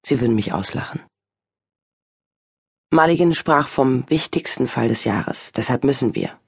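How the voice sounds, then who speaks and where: A woman reads first-person fiction in a measured, reflective way, her voice husky and breathy. The studio sound is dry and close, with no room around it. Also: very deep voice, lively intonation, dry recording. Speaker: audiobook narrator. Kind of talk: first-person literary narration.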